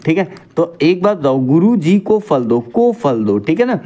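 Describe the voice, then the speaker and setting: Guy teaching an exam prep class, kinda high voice, keeps asking the kids stuff then answering it himself. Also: very animated, a little slow, mellow. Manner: repeats each point as a question to students; calls students "dear children".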